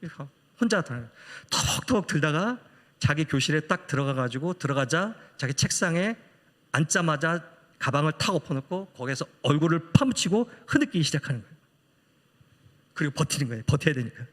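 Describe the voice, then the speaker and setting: Middle-aged man preaching with a lively, widely swinging pitch that sits a little high, his voice ringing with a long church-hall reverb. He tells his story animatedly, acting out the voices of the people in it. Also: a little fast. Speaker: missionary preacher. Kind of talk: storytelling sermon. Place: church sanctuary.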